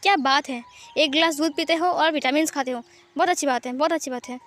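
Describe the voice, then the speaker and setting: A woman's voice: sits high, fast, a bit bright, faint music behind. A woman voicing an irritated, tired young husband who scolds his childlike partner, in a fan fiction reading. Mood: exasperated. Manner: exasperated, scolding.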